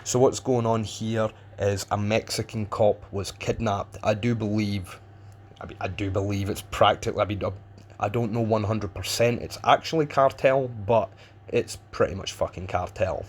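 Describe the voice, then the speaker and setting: Low-voiced man, sweary casual commentary. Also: steady tone, normal speed. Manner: sweary, blunt, rambling. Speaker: narrator explaining a violent video.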